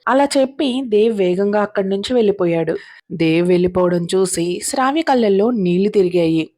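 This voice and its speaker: A woman's voice: medium pitch, fairly quick, warm tone, no room sound. Woman narrating a serial story, dry sound.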